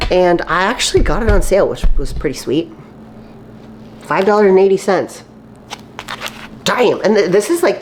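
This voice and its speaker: Frying food sizzles faintly as a woman fitness vlogger talks while cooking in her home kitchen. Her lowish voice sounds a bit stuffy and nasal after a cold, yet she stays upbeat and casual, filling her chatter with fillers. Slight background noise is present.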